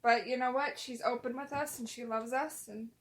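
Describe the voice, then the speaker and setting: A woman's voice: on the high side, steady tone, normal speed. A woman co-hosting a podcast, chatting casually in a teasing way. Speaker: podcast co-host. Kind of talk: casual chat.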